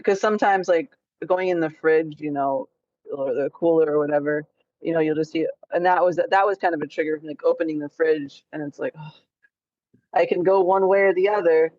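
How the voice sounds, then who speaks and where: A woman hosting a podcast interview in a casual way, hesitant with many restarts and quick affirmations. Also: deep voice, steady tone, no room sound. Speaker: podcast host. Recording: slightly dull, dry sound.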